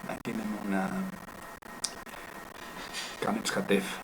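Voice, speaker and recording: A man teaching Biblical Hebrew in a recorded lecture, explaining deliberately with frequent fillers and self-corrections. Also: high voice, very animated, gravelly, noisy background.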